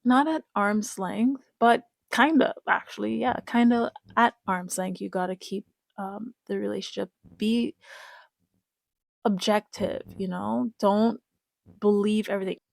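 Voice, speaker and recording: A reality-show commentator speaks straight to her viewers in a casual, emphatic way, driving her points home by repeating them. Her voice is gravelly and mid-pitched with a measured pace, and the recording is dry.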